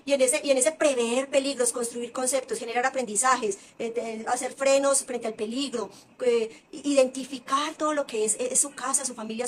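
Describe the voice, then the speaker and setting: Brisk, high-voiced woman educator. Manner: lively and emphatic, piling up short lists. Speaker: early-childhood parenting educator. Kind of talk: casual teaching talk to parents.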